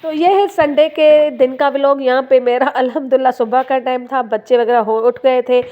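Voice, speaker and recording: Recorded on a phone with a muffled sound, this young home vlogger from Sindh, Pakistan talks to her audience in a relaxed voice-over. She has a high-pitched voice, keeps a steady tone at a moderate pace, and addresses viewers warmly, using plenty of fillers.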